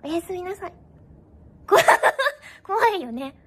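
A woman's voice: very high-pitched, sing-song, measured pace, a bit bright. A young woman streamer chatting casually with her viewers, playful and giggly, tossing in bits of English. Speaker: live streamer.

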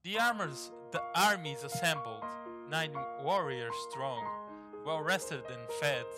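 Speaking slowly, with lively intonation and a voice on the high side, a gamer offers casual let's-play commentary over game music. English isn't his native language, and he swears a lot and stumbles when reading on-screen text.

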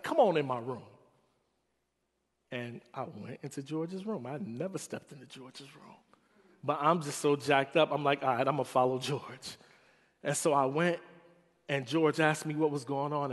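A man's voice: mid-range voice, normal speed. A man from Chicago telling a humorous, confessional story in a chapel sermon. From Chicago, United States. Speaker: chapel speaker. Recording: long hall reverb.

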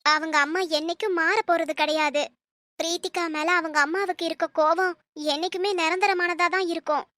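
A woman voicing a worried young woman in an animated cartoon, explaining things earnestly. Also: extremely high pitch, normal speed, dry recording.

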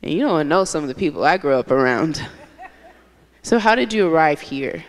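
A woman's voice: deep voice, animated, moderate pace. A young woman from Indiana interviewing a guest onstage, earnest and building her points in lists, speaking into a handheld mic. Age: young adult. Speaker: interviewer, host. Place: large hall stage, seated. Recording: long hall reverb.

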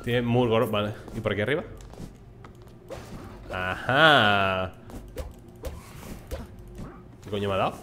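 A man's voice: lowish voice, moderate pace, bright, forceful tone, soft background music. A young man with a Spain Spanish accent chatting casually and swearing lightly as he plays through a game. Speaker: gameplay streamer. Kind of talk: casual let's play commentary.

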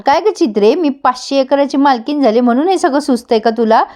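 A woman's voice: sits high, fairly quick, darkish tone, lightly acted. A woman voicing a stern, suspicious older mother-in-law who owns a large estate. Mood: scolding. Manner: scolding, suspicious.

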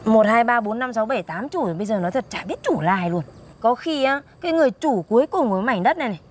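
Husky, boastful woman. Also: fairly high pitch, animated, rapid-fire. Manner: boastful, defensive, argumentative. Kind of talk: comedic banter.

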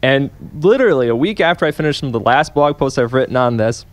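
A man's voice: medium pitch, animated, a little fast, no room sound. Young male policy analyst, earnest explainer. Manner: earnest, explains at length with frequent restarts. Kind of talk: radio interview. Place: radio studio. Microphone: studio microphone on a boom arm.

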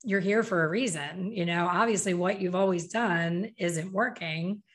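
This casual video call interview features a woman in her fifties, a hair color educator, with a lowish voice at a moderate pace. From a small, bright room at home, using a desk microphone, she talks animatedly, gesturing and acting out people's words.

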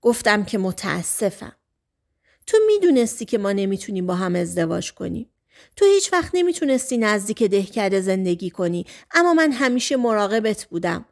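A forceful young suitor in an audiobook, coaxing and threatening by turns, performed by a woman reader. His voice stays near a plain everyday register, with a mid pitch. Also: sing-song. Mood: pleading. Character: young man, pushy and menacing suitor.

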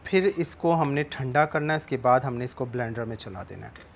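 A brisk, creaky mid-range voice with lively intonation belongs to a man in his thirties demonstrating recipes in a studio kitchen. He explains every step patiently, moving between Urdu and Sindhi, as phone-in calls come through and music plays behind him.

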